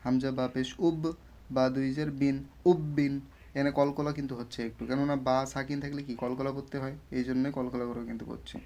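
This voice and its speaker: A man teaching Quran reading with a Bangladeshi Bengali accent, taking it slowly and patiently. He drills each syllable and combines them step by step. His voice sits at a middling pitch, and he keeps pausing to ask whether the learners have understood. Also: little pitch movement, darkish tone. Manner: slow syllable-by-syllable drilling, repeated check-in questions. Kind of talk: patient spelling-out lesson.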